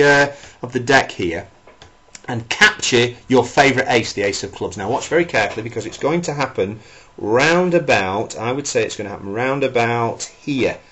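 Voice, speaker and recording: A man performing as a theatrical card magician, talking a spectator through tricks with showy patter and repeated phrases for emphasis. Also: medium pitch.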